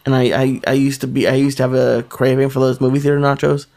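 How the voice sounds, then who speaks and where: A man co-hosting a podcast who asks quick, incredulous questions in casual chat. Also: mid-range voice, completely flat delivery, gravelly, darkish tone. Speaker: podcast co-host.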